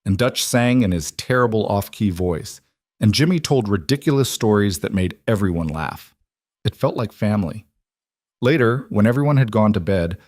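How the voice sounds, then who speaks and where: Low-voiced man narrating a story. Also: a little mellow, no room sound, studio quality. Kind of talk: scripted narration of a western romance.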